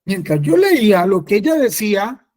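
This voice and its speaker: A man's voice: sits high, sing-song, moderate pace, a little mellow. A man, a friar, telling a personal testimony in a conversational catechesis, repeating phrases and often affirming himself.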